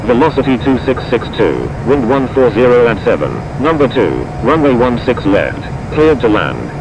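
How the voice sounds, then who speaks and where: A computer-generated man speaking as an air traffic controller over the radio, reading out clearances in clipped, evenly paced phrasing. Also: medium pitch, big pitch swings, normal speed. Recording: dull radio audio under loud engine noise.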